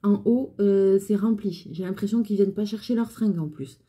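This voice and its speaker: A woman's voice: mid-range voice, normal speed, mellow, husky. A woman who runs a clothing alterations shop, chatting casually and venting with exasperation about her customers.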